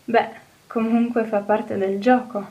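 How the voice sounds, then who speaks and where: Woman doing a chirpy little girl in a storybook, eager and earnest, a bit higher and louder than the narration. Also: flat delivery, a little slow, recorded from a distance, highs cut off. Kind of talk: audiobook character voice.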